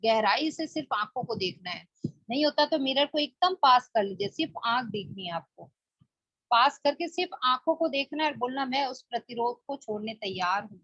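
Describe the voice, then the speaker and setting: A woman with a slightly husky, somewhat high voice leads a guided self-help session. She coaxes her listeners step by step and repeats her instructions often. The sound is dry and a little muffled. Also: animated, normal speed, fairly bright tone, no echo. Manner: coaxing, repeats instructions, addresses listeners as friends. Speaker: meditation and self-help teacher.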